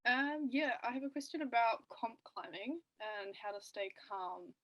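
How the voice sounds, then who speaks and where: A woman's voice: on the high side, expressive, lo-fi sound. Hesitant New woman on a call. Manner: halting, hesitant questioning. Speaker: participant asking questions. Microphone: video call.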